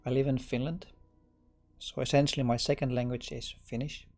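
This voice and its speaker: A middle-aged Dutch man with a Dutch accent, live-coding on a stream and thinking aloud, relaxed and halting with many fillers and restarts. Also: medium pitch, soft background music. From Netherlands.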